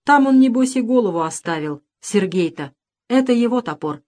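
A gloomy old village grandfather, as a woman reads him, muttering and gruff. He talks with little hope and a heavy, grumbling manner. His lines are read from a storybook. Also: very high voice, lively intonation, normal speed, a little mellow, voice pushed up.

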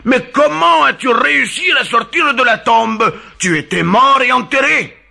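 A man's voice: mid-range voice, animated, normal speed, pushed and bright. A man voicing a vain, scheming nobleman count who is easily fooled, speaking in an exclaiming, indignant manner. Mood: astonished. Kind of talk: storybook character voice.

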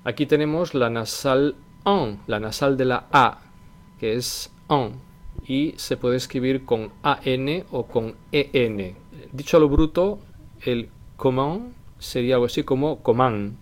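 A man teaching a language lesson, explaining slowly and repeating example phrases, often ending a point with a quick "eh?". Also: medium pitch. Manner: tag question "eh" after points. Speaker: French teacher.

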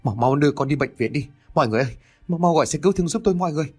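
A man's voice: a little high, animated, racing, a little mellow, breathy edge, faint music behind. A man doing a young father in a story. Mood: frantic. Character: young father, anxious then frantic.

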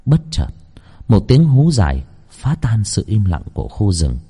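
Deep husky man narrating a horror story. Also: sing-song, moderate pace, dark tone. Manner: tense, suspenseful telling in first person.

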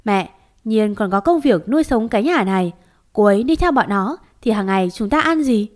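A woman's voice: mid-range voice, lively intonation, moderate pace, natural voice. Woman voicing a weak pleading young husband. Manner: pleading, defensive.

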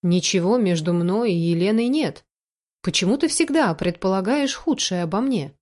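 A woman's voice: mid-range voice, animated, normal speed, a little mellow, lightly acted. A woman voicing a young man who pleads and defends himself earnestly in a spoken story. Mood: defensive.

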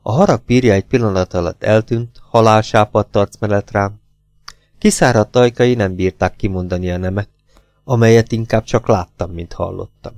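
A man narrating an audiobook in a measured, composed way, asking pointed questions. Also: fairly low pitch, a little mellow, no room sound, clean studio sound. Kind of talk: audiobook reading.

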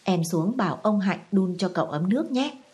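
A woman's voice: mid-range voice, expressive, moderate pace, a little mellow, lightly acted. A woman voicing a stiffly polite young teacher. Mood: deferential. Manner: deferential and very formal. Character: young male schoolteacher, polite but resentful.

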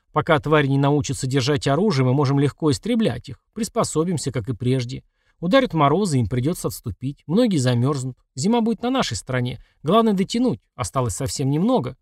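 A man's voice: medium pitch, lively intonation, a little fast, darkish tone, dry recording, studio quality. A man reading a first-person audiobook in a tense, matter-of-fact way. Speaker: audiobook narrator.

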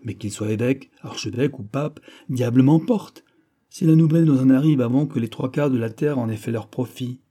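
A man's voice: medium pitch, fast talker, few pauses, mellow, close to an everyday voice. Man doing a swaggering, teasing musketeer. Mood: mocking. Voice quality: big voice. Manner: swaggering, mocking. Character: bold, teasing male musketeer, middle-aged.

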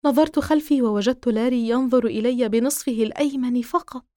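A woman narrating a horror novel in the first person as an audiobook, in a steady, measured reading. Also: on the high side, no room sound, clean studio sound.

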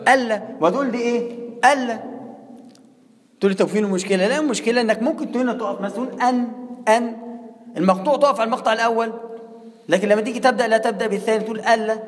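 Fast-talking Egyptian teacher, high voice, echoing hall. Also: male voice. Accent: Egyptian Arabic. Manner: asks the listeners rhetorical questions. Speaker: Quran recitation teacher. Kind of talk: explanatory religious lesson. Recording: long hall reverb.

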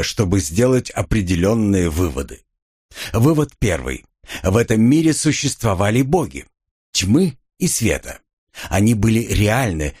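A man narrating a fantasy audiobook in the first person, with measured storytelling. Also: medium pitch, darkish tone.

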